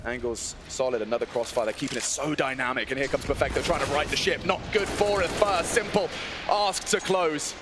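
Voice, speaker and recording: A man casting esports live, giving excitable, dramatic play-by-play with theatrical, flowery phrasing that builds to shouts. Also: a little high, brisk, noisy background. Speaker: esports caster.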